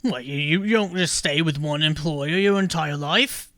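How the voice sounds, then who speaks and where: A man voicing a bored, slimy toad-folk worker in a tabletop game, with a loud, halting, put-on accent. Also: a little high, no echo, studio quality, lightly acted. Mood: puzzled.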